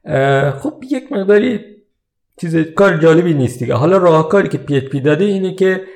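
A man hosting a programming podcast, explaining software features in a relaxed, conversational way. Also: on the high side. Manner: relaxed explanatory, uses many English tech terms. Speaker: podcast host. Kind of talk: casual tech podcast explanation.

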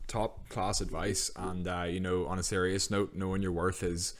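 A man's voice: deep voice, moderate pace. A man hosting a podcast, asking loose, rambling questions full of "um" and "you know". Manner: relaxed, asks rambling questions with fillers. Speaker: podcast host. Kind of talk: casual podcast interview.

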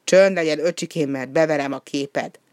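A reader voicing a boastful, mischievous young male penguin who talks loud and teasing. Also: mid-range voice, animated, no room sound, clean studio sound, lightly acted. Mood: cocky, teasing.

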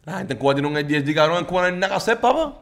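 A man's voice: on the high side, very animated, racing, creaky, fairly bright tone. Joking man hosting bar chat. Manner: joking, mixes English into Spanish. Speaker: podcast host.

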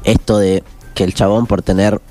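A man's voice: fairly low pitch, moderate pace, soft background music. A man with an Argentine Spanish accent co-hosting a podcast, telling stories casually with slang fillers. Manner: relaxed storytelling with slang fillers. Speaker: podcast co-host.

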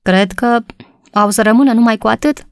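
A woman's voice: fairly high pitch, darkish tone, no echo, pitched above the performer's own voice, natural voice. A worn-out poor mother in a storybook, speaking in a tired, subdued voice, as a woman narrator puts her on. The sound is dry and close. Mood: weary. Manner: subdued, tired and plain-spoken.

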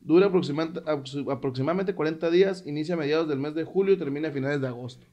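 Young male co-host, casual, halting, slangy. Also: a little high, mellow, muffled recording. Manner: slangy, halting, searches for words. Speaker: podcast co-host. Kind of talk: casual chat.

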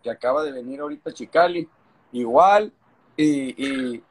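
A man's voice: on the high side, expressive, moderate pace, low-quality recording. A man with a northern Mexican accent chatting casually in an interview, full of street slang and swearing, repeating phrases for emphasis. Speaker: skateboarding event organizer.

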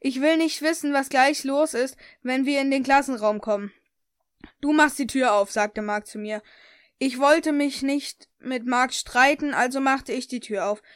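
A woman's voice: high-pitched, unhurried, smooth, no echo, clean studio sound. A young woman casually reading aloud a story she wrote, with slips and self-corrections. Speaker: reader of her own story.

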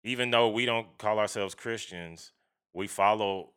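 Deep, bright-voiced man talking bluntly. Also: unhurried, clean tone. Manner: emphatic, slangy, profane, often seeking agreement. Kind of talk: casual opinionated chat.

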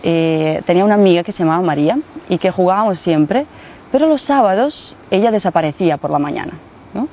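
A woman in her forties from Bosnia and Herzegovina, speaking a second language, talks in a fairly low voice, slowly and with many hesitations. The recording is dull and muffled, with a faint noise underneath. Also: expressive. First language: Croatian. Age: 40s. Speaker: guest, translator and guide. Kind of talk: interview.

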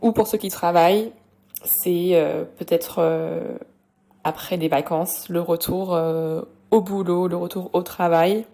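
A young woman hosts a relaxed podcast lesson, talking in a chatty way and explaining things slowly. She fills her sentences with small hesitations and repeats herself as she goes. Her voice sits a little low and has a mellow, warm tone. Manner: chatty, many fillers and repetitions, explains slowly. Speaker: French teacher and podcast host.

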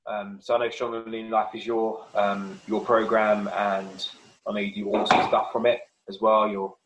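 A man's voice: lowish voice, level tone, normal speed, fairly bright tone, highs cut off, slight background noise. A man talking casually as a fitness podcast guest, explaining things in a chatty, informal way. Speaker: podcast guest, personal trainer. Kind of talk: casual chat.

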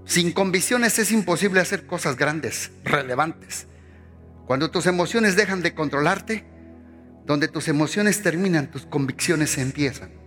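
A man preaching a sermon with passion, repeating phrases and climbing in pitch as he acts out quoted voices. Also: lively intonation, unhurried, fairly bright tone, soft background music. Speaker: pastor.

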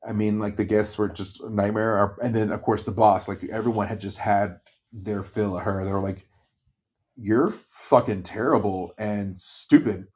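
Chatty man telling stories, high. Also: flat delivery, a little fast, darkish tone. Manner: chatty storytelling, acts out quoted people. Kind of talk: casual chat.

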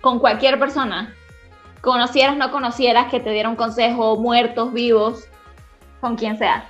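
A young woman in casual chat, animated and insistent as she asks and argues over questions. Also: a little high, normal speed, highs cut off, faint music behind.

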